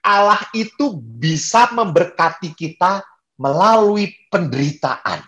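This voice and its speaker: Priest giving a sermon, tells funny stories about himself, does little voices for the people in them. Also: male voice, high-pitched, sing-song, takes it slowly, a bit bright. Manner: storytelling with humor, acts out quoted voices.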